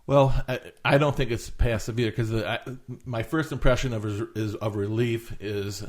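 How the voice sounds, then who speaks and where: A man's voice: medium pitch, steady tone, moderate pace. A man co-hosting a casual ministry podcast, thoughtful and playful with words.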